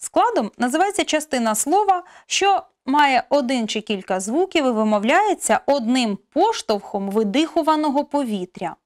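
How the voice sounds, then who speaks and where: A woman teaching a language lesson, explaining slowly and carefully with spelled-out example words. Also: sits high, lively intonation.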